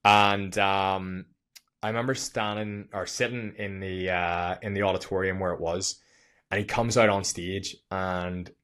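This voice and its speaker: A young man telling a story on his podcast, energetic and profane, with lots of fillers, speaking into a studio microphone. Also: low-pitched, unhurried, clear, resonant tone. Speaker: podcast host. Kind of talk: casual storytelling monologue.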